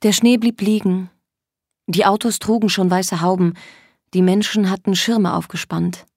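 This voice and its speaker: A woman narrating a novel in a calm, measured storytelling voice. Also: medium pitch, dry recording, clean studio sound. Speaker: audiobook narrator. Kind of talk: scripted narration.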